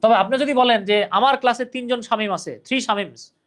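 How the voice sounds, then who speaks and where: A man's voice: very high-pitched, normal speed, fairly bright tone. A young man teaching English grammar in a live online class, patiently explaining rules and reading out viewers' comments.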